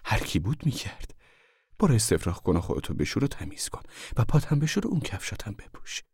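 A man voicing a brisk, firm mother of a poor family who gives stern orders in an audiobook reading. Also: fairly low pitch, sing-song, darkish tone, breathy edge, no room sound, studio quality, voice pushed up, heavily acted. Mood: firm, bossy. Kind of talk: audiobook character voice.

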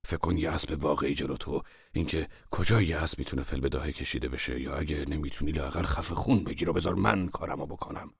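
An actor playing an irritable old master painter who scolds and lectures in a gruff voice. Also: male voice, a bass voice, no room sound, clean studio sound, full character voice. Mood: scolding. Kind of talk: audio drama acting.

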